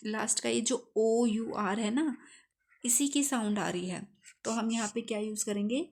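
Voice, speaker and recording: A woman with a Hindi accent teaching an English grammar lesson for exam preparation. She asks her class questions and answers them herself. She slows right down to read out each example sentence. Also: on the high side, a little mellow. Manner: reads example sentences slowly.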